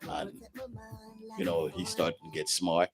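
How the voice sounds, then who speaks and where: A man telling a personal story on a talk show, laughing often and swinging between loud bursts and low mutters. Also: level tone, unhurried, over loud music. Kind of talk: animated storytelling.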